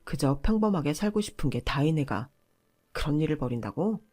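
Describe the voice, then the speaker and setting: A woman's voice: low-pitched, expressive, fairly quick, mellow. A woman voicing an arrogant young husband who lectures his wife with contempt. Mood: contemptuous.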